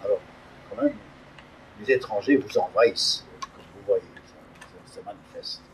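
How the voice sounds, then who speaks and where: An older Hungarian man, an invited speaker, gives a public talk at an evening debate around a table in a meeting room above a restaurant, picked up by a distant mic with slight background noise. His voice is on the low side and fairly bright, with huge pitch swings at a moderate pace, and he's hesitant, full of fillers and restarts.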